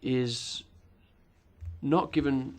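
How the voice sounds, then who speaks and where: This man's medium-pitched, slightly mellow voice keeps a fairly even intonation as he simultaneously interprets speeches at a parliamentary committee hearing. He sounds formal and measured, pausing with occasional fillers.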